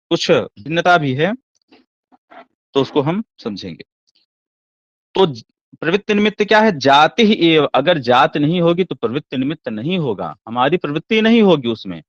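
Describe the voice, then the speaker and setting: Male teacher, fairly high voice, rhetorical questions, dull dry lo-fi recording. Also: a bit bright, dry recording. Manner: asks rhetorical questions and answers them himself. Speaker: Sanskrit poetics teacher. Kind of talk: explanatory lecture.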